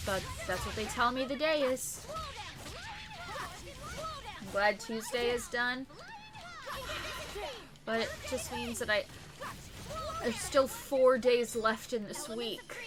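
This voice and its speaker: Female streamer, casual and sweary, worn-out venting manner, unhurried delivery over background music. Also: on the high side, expressive. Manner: frequent swearing. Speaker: game streamer. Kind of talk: casual gaming livestream commentary with chat.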